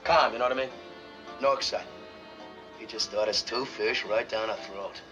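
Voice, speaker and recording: A man's voice: lowish voice, normal speed, close to an everyday voice. A man playing a slangy, breezy American submarine crewman with a cocky, wry streak in a 1950s war film. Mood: wry, admiring. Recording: dull old film soundtrack, music behind.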